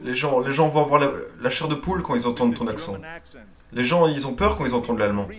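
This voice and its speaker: Here a man dubs a first-person motivational speech in a voice-over translator role. His pitch sits at medium, his pace is quick, and his tone stays earnest and emphatic.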